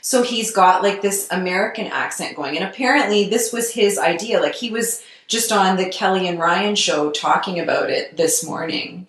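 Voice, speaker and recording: A woman's voice: medium pitch, normal speed, hardly any pauses, fairly bright tone. A woman hosting a podcast, sharing frank opinions in a conversational way. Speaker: podcast host. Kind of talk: casual podcast chat. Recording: roomy room echo.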